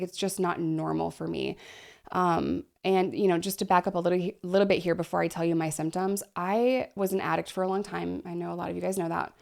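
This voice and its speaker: Breathy, gravelly woman in her thirties. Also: darkish tone. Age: 30s. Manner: frank, chatty, breathy pauses for deep breaths. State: short of breath. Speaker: vlogger. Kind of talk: candid personal vlog. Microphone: desk microphone.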